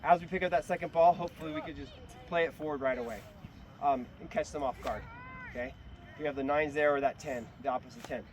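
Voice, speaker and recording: A man's voice: a little high, fairly even intonation, fast. A man coaching a soccer team in a halftime pep talk, instructive and often checking understanding with short tag questions. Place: outdoors at a sports field. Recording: outdoor field with clear traffic noise.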